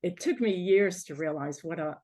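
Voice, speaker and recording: Low-voiced Moroccan-born woman author. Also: expressive, mellow. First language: French. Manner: reflective, halting, with light laughs. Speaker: author panelist. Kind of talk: personal storytelling on a panel.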